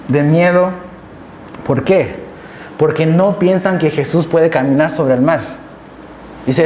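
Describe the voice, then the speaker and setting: Emphatic high-voiced male pastor preaching. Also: a little mellow, slight background noise. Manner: emphatic, repeats key phrases and asks the congregation "¿ves?". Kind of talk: sermon. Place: church hall, live service. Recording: echoey church hall with faint ambience.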